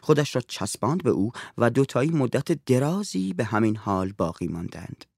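Expressive male story narrator. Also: mid-range voice, creaky, no echo, clean studio sound.

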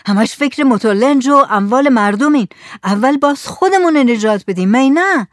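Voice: high-pitched, expressive, dry recording, studio quality, pitched above the performer's own voice. A reader voicing an impatient young fisherman. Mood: urgent. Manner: urgent, pushy. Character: impatient young man, headman's son.

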